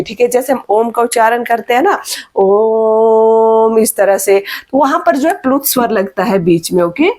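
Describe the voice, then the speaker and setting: A woman teaching an online grammar lesson, slowly repeating definitions so students can write them down. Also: a little high, darkish tone. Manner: slow, repeats definitions for dictation.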